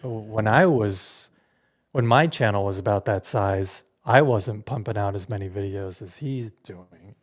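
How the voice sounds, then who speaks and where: A man's voice: on the low side, unhurried. A man co-hosting a casual podcast, chatty and laughing lightly between words. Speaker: podcast co-host.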